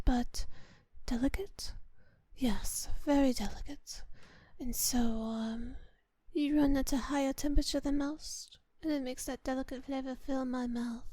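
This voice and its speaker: A woman voices a kind, genteel vampire mistress in a soft, high register for an intimate ASMR roleplay aimed at the listener. She sounds hungry and savoring, doting yet quietly commanding, using refined, formal diction and unhurried endearments, often breathy or whispered. The close microphone sits in a dry space, giving a dry recording.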